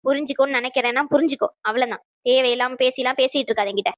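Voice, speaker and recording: Woman doing a bossy old mother-in-law, lectures everyone, dry close sound, quick talker. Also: high-pitched, dry recording, voice pushed down, close to an everyday voice. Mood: lecturing. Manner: scolding, lecturing. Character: stern older mother-in-law, sharp-tongued and domineering. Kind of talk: cartoon voice acting.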